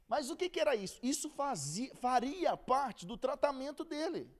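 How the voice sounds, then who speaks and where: A man's voice: very high-pitched, sing-song, moderate pace. A man with a Brazilian Portuguese accent teaching a Bible lesson in a casual, storytelling way, acting out the people he quotes.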